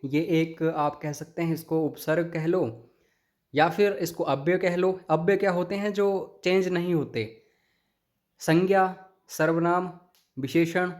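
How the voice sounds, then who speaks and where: A man's voice: on the high side, a little mellow. A young man teaching an exam-prep grammar lesson, explaining each answer step by step and addressing viewers as friends.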